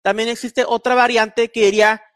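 High-voiced man teaching with slides. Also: flat delivery, normal speed, fairly bright tone, dry recording. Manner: methodical, with many fillers and restarts. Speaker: Bible teacher. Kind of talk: explaining slides in a recorded lesson.

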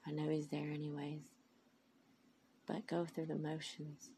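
A tired, tearful woman speaks in a low, gravelly voice, rambling and emphatic as she encourages her listeners. Her tone stays flat and mellow, with faint noise underneath. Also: a little slow. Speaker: faith vlogger. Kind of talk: inspirational monologue.

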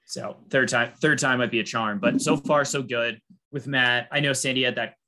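Male co-host, mid pitch, loose rambling recap delivery. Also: normal speed. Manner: rambling, filler-heavy, animated when quoting. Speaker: podcast co-host. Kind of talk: casual chat recapping a reality show.

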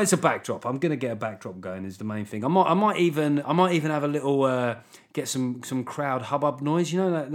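A man hosting a solo comic podcast, talking in a sarcastic, rambling, self-mocking way. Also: mid-range voice. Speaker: comedian and podcast host.

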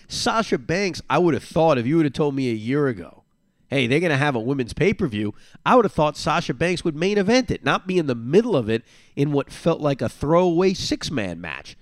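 A man's voice: on the high side, no room sound, studio quality. A man hosting a solo podcast, talking casually and sarcastically, repeating phrases for emphasis. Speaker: podcast host.

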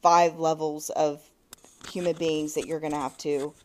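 A woman in her thirties with a deep voice, co-hosting a podcast, tells a story at normal speed in casual chat. She is animated, swears a lot, and quotes texts, over a slight hiss or hum.

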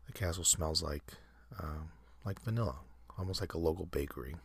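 A man hosting an ASMR channel, leading a soft, halting whispered guided meditation with many pauses and fillers. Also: extremely low pitch, breathy edge, no room sound. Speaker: ASMR host.

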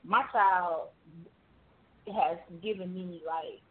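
A woman's voice: fairly low pitch, extremely slow. A woman from Jamaica talking earnestly in casual conversation, telling stories from her life. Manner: earnest, storytelling, fillers like "like" and "you know". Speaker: author and guest. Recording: tinny phone-like audio.

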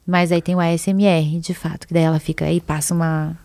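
A young woman talks loosely and cheerfully as a guest on a casual podcast, jumping between thoughts and correcting herself as she goes. Her voice sits slightly low for a woman, and the recording is dry and close. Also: level tone, a little fast, darkish tone, dry recording. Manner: chatty, rambling, giggly, self-interrupting. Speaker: podcast guest, ASMR content creator. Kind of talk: casual chat.

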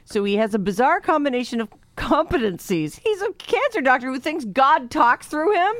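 A woman's voice: high-pitched, very animated, normal speed. A woman reading a letter aloud in casual chat, adding sarcastic asides. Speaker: host reading a listener letter.

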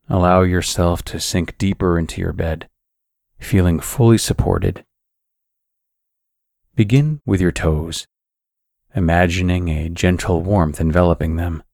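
A man narrating a scripted guided sleep meditation in a calm, soothing, measured sleep-story manner. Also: deep voice, vocal fry, no echo, studio quality.

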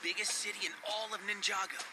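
A man voicing a wide-eyed, blunt and excitable cartoon character. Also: high voice, quick pace. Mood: wistful. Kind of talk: cartoon acting.

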